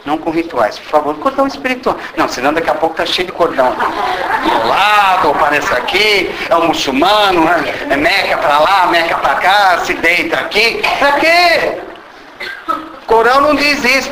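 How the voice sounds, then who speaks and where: In a roomy meeting hall with background noise, a man with a Brazilian Portuguese accent gives an informal spiritual lecture. His high voice sounds pushed and bright as he teases and questions the audience and acts out little dialogues.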